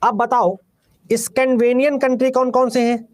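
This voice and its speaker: A man with a Bihari Hindi accent teaching a geography class, repeating each item slowly for students to write down and calling them "beta". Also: very high voice, little pitch movement, dry recording.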